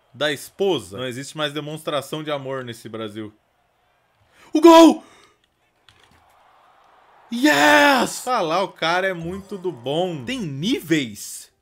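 A man with a Brazilian Portuguese accent giving let's play commentary as a gaming streamer, swearing constantly and breaking into loud outcries. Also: on the high side. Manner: profane, excitable, bursts into loud outcries.

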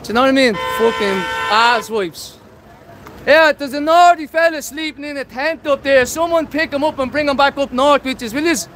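A man from Dublin, Ireland, with a Dublin accent, vlogs live from city streets at a protest, giving blunt, confrontational commentary laced with heavy swearing. His voice is very high and fairly bright, at a moderate pace, with slight background noise.

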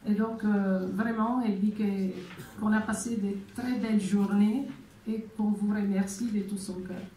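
A woman's voice: mid-range voice, steady tone, a little slow, warm tone, distant mic, slight background noise. Woman interpreting in an echoey hall. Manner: hesitant, many fillers. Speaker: interpreter at a ceremony. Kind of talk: interpreting a speech.

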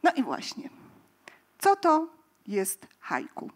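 A woman's voice: sits high, wildly swooping pitch, slow. A woman moderating a panel discussion, making formal introductions with hesitant fillers.

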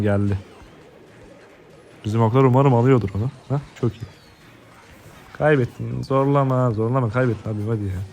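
A Turkish-accented man commentating his mobile game casually, cursing and yelling when frustrated. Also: medium pitch. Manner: swearing, yells in frustration. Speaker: gaming streamer.

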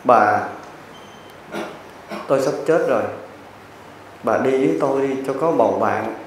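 A man's voice: medium pitch, measured pace, a little hiss or hum, lightly acted. A man voicing a dying old husband who pleads weakly with his wives in a told story. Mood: pleading. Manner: weak, pleading. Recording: very echoey hall, distant mic.

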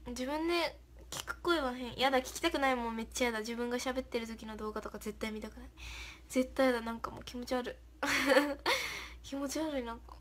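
A woman's voice: high-pitched, fairly quick, a bit bright, a little hiss or hum. A young woman hosting a casual livestream, reading viewer comments aloud, thanking them, and giggling often. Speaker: idol livestream host.

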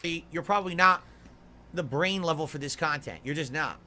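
A man lectures his viewers in a talking-down tone, as if explaining something obvious to them. His voice is a bit high, with a sharp, bright edge. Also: moderate pace. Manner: condescending, lecturing. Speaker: streamer in played clips. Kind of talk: casual stream talk.

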